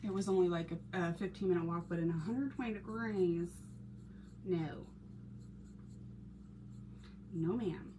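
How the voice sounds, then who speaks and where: A woman's voice: on the low side, a little slow, long pauses, mellow. A woman with a Texan accent chatting casually on a live stream while she paints crafts, laughing often and greeting viewers by name. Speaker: craft channel host reading live chat. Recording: noisy background hiss.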